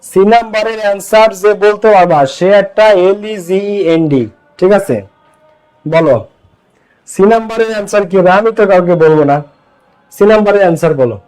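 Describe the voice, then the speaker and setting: A man's voice: high-pitched, a little fast, darkish tone, poor audio. A man teaching an online English grammar class, drilling students with repeated questions and mixing Bengali explanation with English examples.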